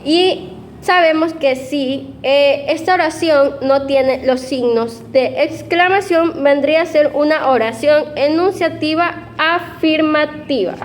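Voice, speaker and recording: A woman's voice: high-pitched, slow, a little hiss or hum. A young woman giving a class presentation, explaining step by step with fillers and self-corrections. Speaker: student presenter.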